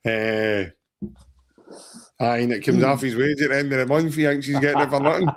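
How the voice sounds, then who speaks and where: A man's voice: medium pitch, fairly even intonation, brisk. A Scottish man co-hosting a football podcast in casual, joking talk, often saying mate and aye. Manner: joking, rambling, says mate and aye a lot. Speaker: podcast co-host.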